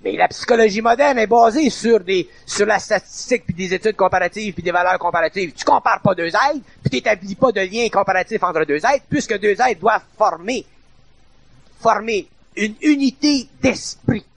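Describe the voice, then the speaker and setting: A man's voice: high voice, normal speed, gravelly, dry recording. A middle-aged man with a Quebec French accent giving an informal, emphatic spoken lecture, repeating and rephrasing his points in colloquial speech.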